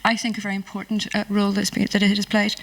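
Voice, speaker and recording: A middle-aged woman with a Northern Irish accent giving a formal panel address, pausing often and hesitantly. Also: mid-range voice, completely flat delivery. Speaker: panel speaker.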